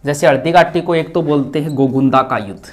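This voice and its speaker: A man's voice: a little high, a little fast. A male teacher, giving an exam-prep lecture, stressing key words and offering memory tricks.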